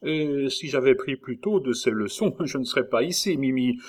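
A man's voice: mid-range voice, normal speed, pitched above the performer's own voice, lightly acted. A man doing a cocky, boisterous tavern-keeper convict. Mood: boisterous, scheming. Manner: boisterous, mocking, familiar. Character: jovial, sly male tavern-keeper convict, cocky and slangy.

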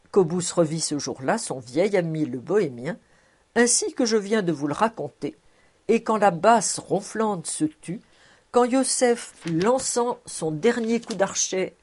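A woman narrating a classic novel aloud in an expressive storytelling manner. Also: fairly low pitch, slightly rough. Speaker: audiobook narrator.

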